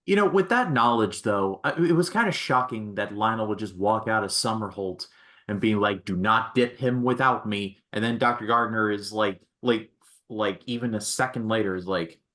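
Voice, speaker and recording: A man co-hosting a casual TV recap chat with deadpan jokes. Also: on the low side, normal speed. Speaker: podcast co-host.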